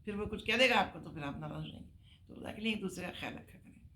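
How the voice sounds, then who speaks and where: A woman's voice: mid-range voice, animated, very fast, sharp tone, a little hiss or hum. An older woman giving earnest, emphatic marriage advice on a talk show.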